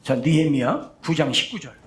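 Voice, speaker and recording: A man preaching from the pulpit with a high, bright voice that leaps up and down with every turn of his story. He swings from near-whispers to loud cries and keeps asking his listeners questions. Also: moderate pace. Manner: animated storytelling, swings from hushed to shouting; asks the congregation questions. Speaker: pastor. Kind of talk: sermon.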